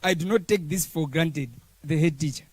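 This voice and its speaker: A speaker with a Malawian accent delivering a formal speech as an alumni representative, in short measured phrases. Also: medium pitch, slightly rough, dry recording.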